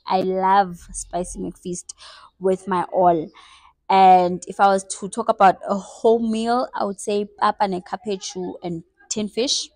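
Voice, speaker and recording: Young South African woman, playful vlog chatter, mid-pitched voice, dry close sound. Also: a little mellow, no room sound. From South Africa, Eastern Cape. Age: 20s. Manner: chatty, playful, self-mocking. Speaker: vlogger. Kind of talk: casual get-to-know-me vlog.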